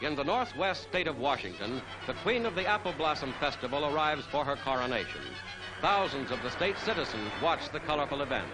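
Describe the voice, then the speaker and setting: Casting note: male announcer for an old 1940s newsreel, brisk and animated delivery. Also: on the high side, poor audio. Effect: old newsreel narration. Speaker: newsreel narrator. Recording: old newsreel soundtrack with loud music. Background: loud music.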